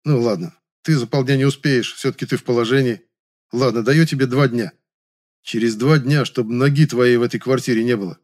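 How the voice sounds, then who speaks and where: Male narrator for first-person prose, mid-pitched, coolly mocking. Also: fairly quick, a little mellow. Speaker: audiobook narrator.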